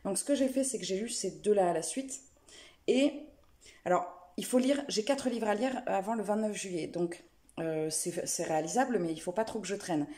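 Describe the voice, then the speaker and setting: A woman's voice: medium pitch, normal speed, warm tone. A woman reviewing books in a casual chat, hesitant and full of fillers. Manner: chatty, hesitant with many fillers. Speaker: book and knitting vlogger.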